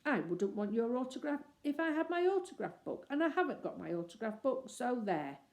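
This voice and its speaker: A woman's voice: on the high side, very animated, brisk, gravelly, darkish tone, pitched above the performer's own voice. A woman voicing a small, polite and earnest male bear who speaks patiently and firmly. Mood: stubborn.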